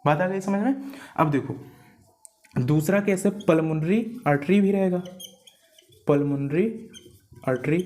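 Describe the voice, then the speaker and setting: A man's voice: high voice, darkish tone. A man teaching a classroom biology lecture, who keeps asking rhetorical questions, repeats key terms, spells words out letter by letter and calls the students "beta".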